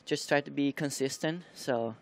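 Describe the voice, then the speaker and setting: A young man who grew up in Taiwan, answering studio interview questions as a motocross rider, halting and searching for words with many fillers. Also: mid-range voice, vocal fry. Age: young adult.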